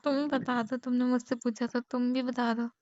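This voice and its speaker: Bashful woman on a lo-fi phone line, fairly high voice. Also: little pitch movement, normal speed, slight background noise. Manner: shy, hesitant, soft-spoken. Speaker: girlfriend on a call. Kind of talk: casual romantic phone chat. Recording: dry, muffled phone call recording.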